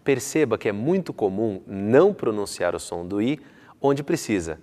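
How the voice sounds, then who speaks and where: A male English teacher from Brazil presenting a scripted TV lesson, slow and deliberate, stretching the example words to show how they should be pronounced. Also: fairly low pitch, sing-song, mellow, long reverb tail.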